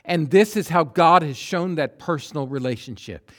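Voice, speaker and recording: Male preacher, fairly high voice; emphatic, repeats phrases, swings from loud to hushed. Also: moderate pace. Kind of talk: sermon with scripture reading.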